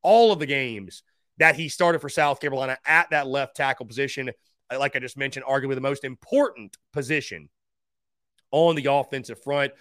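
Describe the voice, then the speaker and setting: In a top-five sports countdown, a male host announces rankings and names with emphasis, addressing listeners as guys. His mid-range voice is a bit bright and moves at a moderate pace, recorded as clean studio sound with no echo.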